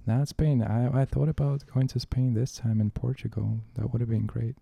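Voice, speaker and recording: A man's voice: medium pitch, steady tone, normal speed, vocal fry, mellow, husky. A man from Bulgaria who is a podcast guest, talking casually and restarting his sentences a lot. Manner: hesitant, restarts often. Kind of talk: casual chat.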